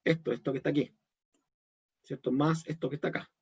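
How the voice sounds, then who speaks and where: A man's voice: fairly high pitch, steady tone, fairly quick, darkish tone, slightly rough, highs cut off. A man giving a live online Kabbalah lesson, explaining step by step and checking in with his audience. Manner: explanatory, asks the audience questions. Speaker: Kabbalah teacher.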